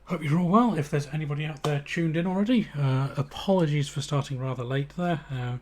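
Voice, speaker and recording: A man's voice: on the high side, fairly quick, a little mellow. An English man hosting a live stream, chatting casually and rambling with lots of fillers and restarts. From England. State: out of breath. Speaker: livestream host.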